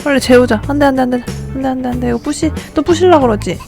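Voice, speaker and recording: A woman's voice: high-pitched, quick pace, gravelly, music in the background. A woman streamer giving casual commentary on a life-simulation game, fussing and exclaiming as she coaxes the babies to sleep. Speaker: gameplay streamer.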